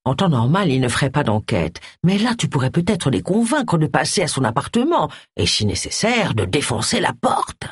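A woman voicing a calm, supportive middle-aged man who reasons patiently. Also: sits low, normal speed, hardly any pauses, slightly rough, no echo, studio quality, full character voice. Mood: persuasive.

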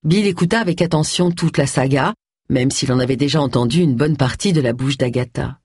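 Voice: mid-range voice, fairly quick, slightly rough, dry recording, studio quality. An audiobook narrator reading a novel aloud in a scripted narration style, changing the voice for each character. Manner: expressive, shifts voice for each character.

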